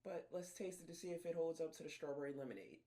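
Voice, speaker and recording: A man's voice: a little high, fast talker, warm tone. A man giving a comedic drink review in a wry, offhand and self-mocking way.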